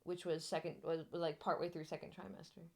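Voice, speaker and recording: A woman's voice: on the low side, flat delivery, fast talker, gravelly, darkish tone. A young woman with a Wisconsin accent chatting casually on a livestream in a candid, giggly, teasing way. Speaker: livestream host.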